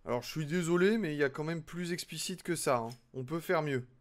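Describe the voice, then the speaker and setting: A man's voice: a little high, fairly quick. A young man chatting casually with his live-stream audience as he builds, chatty and self-mocking. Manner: chatty, self-mocking, talks to chat while working.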